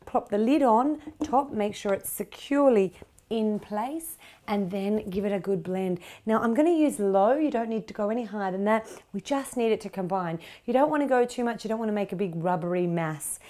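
Working through a recipe indoors in a home kitchen studio, a middle-aged cooking show host keeps up an encouraging, chatty commentary. Her voice is animated and dark-toned, medium in pitch, at a moderate pace.

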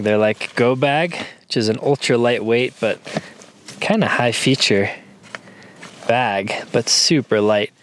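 A man in his thirties narrating a casual camping vlog outdoors, explaining his gear in a relaxed, easygoing way. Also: mid-range voice, slight background noise. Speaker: camping vlogger. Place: outdoors at a mountain campsite.

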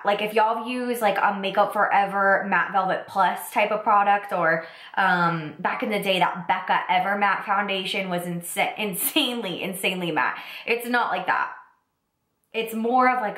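A young woman vlogger with a slightly raspy, congested voice from a cold, chatting enthusiastically while doing her makeup at home. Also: mid-range voice, fairly bright tone. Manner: chatty, enthusiastic product talk. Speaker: beauty vlogger. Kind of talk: casual get-ready-with-me makeup talk. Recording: roomy echo.

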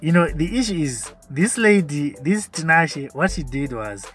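A man's voice: fairly high pitch, lively intonation, unhurried, fairly bright tone, soft background music. A young Zimbabwean man hosting a podcast, chatting casually with frequent laughs as he reads out comments. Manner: chatty, laughs often, mixes in Shona phrases. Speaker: podcast host. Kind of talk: casual commentary reading social media comments.

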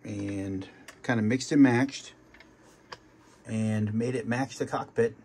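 A man's voice: fairly low pitch, steady tone, takes it slowly, gravelly, a little mellow, slight background noise. A man casually walking through his home flight sim cockpit, rambling and restarting his sentences. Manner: rambling, with many fillers and restarts. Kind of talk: casual show-and-tell walkthrough.

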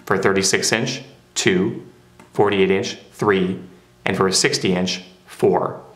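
A man's voice: sits low, steady tone, unhurried. A man narrating a step-by-step product how-to in a plain, methodical way. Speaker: product demonstrator. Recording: roomy echo.

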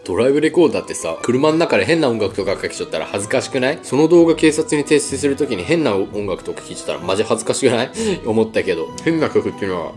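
A man's voice: mid-range voice, animated, quick pace, hardly any pauses, a little mellow, soft background music. A young man with a western Japanese accent, chatting casually to the camera as he eats in a mukbang. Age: young adult. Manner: talks to camera while eating and tasting. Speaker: mukbang host. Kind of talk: casual mukbang eating chat. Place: small room at home.

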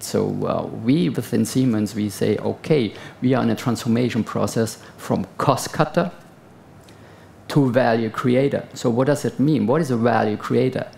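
A man's voice: medium pitch, creaky, a little mellow, a little hiss or hum. A man in his fifties, a procurement executive, speaking emphatically on a conference panel with a lapel mic. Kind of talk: panel discussion answer. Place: conference stage, indoors.

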